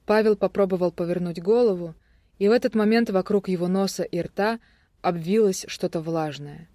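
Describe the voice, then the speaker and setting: A narrator giving a steady, even audiobook reading of a thriller. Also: medium pitch, normal speed, no echo.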